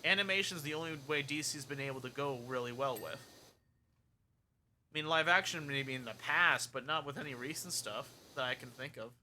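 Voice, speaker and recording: A man's voice: mid-range voice, brisk, sharp tone, a little hiss or hum. A young man streaming a game and chatting casually, rambling frankly through his opinions.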